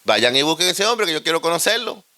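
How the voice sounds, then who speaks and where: A man voicing an old male shepherd father, folksy and chatty, in a gravelly voice. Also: fairly high pitch, sing-song, fairly quick, pushed and bright.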